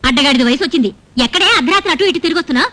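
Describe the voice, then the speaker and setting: A woman's voice: high-pitched, animated, rapid-fire, pushed and bright. An actress playing a gullible, doting middle-aged widowed mother in a comic film scene, fussy and melodramatic. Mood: scolding. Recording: film audio with soundtrack music behind.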